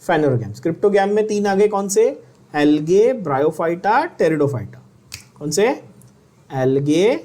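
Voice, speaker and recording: A man's voice: sits high, darkish tone. A man teaching biology for an exam, asking questions and having students repeat terms. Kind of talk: exam-prep lecture.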